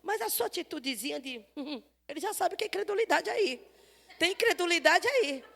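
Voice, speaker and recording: A woman with a Brazilian Portuguese accent preaching a sermon at a church, telling the story lively and acting out the dialogue, swinging from loud to soft. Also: very high voice, a little fast, vocal fry, in a large hall.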